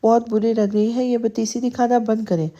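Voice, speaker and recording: A woman's voice: fairly high pitch, little pitch movement, dark tone, highs cut off, natural voice. Woman voicing a possessive stern husband. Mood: sulky. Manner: firm, turning tender then sulky.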